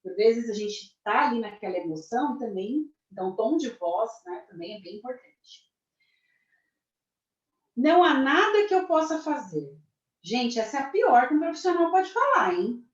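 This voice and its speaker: Brazilian woman career coach, high-ish and very expressive, training a corporate audience, echoey and muffled recording. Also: normal speed. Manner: lively, addresses the audience directly, acts out example phrases. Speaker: career mentor. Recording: echoey, dull lo-fi sound.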